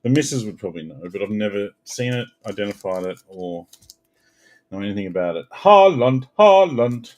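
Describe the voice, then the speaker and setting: A man hosting a card break, chatting casually and bursting out loudly as he calls out the cards he pulls. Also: deep voice, a little fast. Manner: animated, bursts out loudly calling card names. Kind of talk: casual live card-opening chat.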